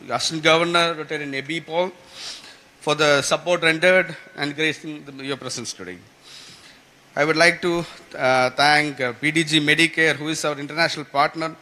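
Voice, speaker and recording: A man's voice: fairly high pitch, bright, forceful tone. A man from delivering a formal vote of thanks at an event, reading through a long list of names with occasional hesitations. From India. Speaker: speaker giving vote of thanks.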